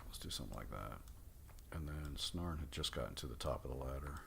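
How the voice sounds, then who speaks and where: Game master, man, deep and lively, relaxed delivery with chuckles. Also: a little fast, gravelly, slight background noise. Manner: laid-back, chuckling, thinking aloud. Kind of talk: narrating a tabletop game.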